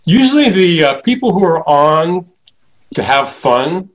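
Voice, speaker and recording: A man's voice: a little high, sing-song, unhurried, poor audio. A man casually reminiscing in a chat, rambling with many filler sounds. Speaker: guest, former comedy writer and producer.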